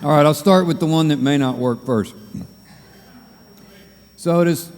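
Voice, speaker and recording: A man preaches from the front of a church, spinning folksy jokes in a rambling storyteller's way. His voice sits fairly high yet sounds mellow and soft-edged. Long reverb from the sanctuary trails after every line. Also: a little slow. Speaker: pastor. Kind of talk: sermon with jokes.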